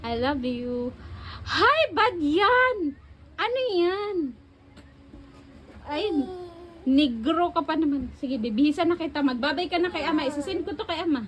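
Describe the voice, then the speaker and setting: A woman's voice: extremely high pitch, a little slow, pauses often, fairly bright tone. A mother at home filming her small child on a phone, coaxing, apologizing and soothing in a laughing way while mixing Tagalog and English. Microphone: phone camera.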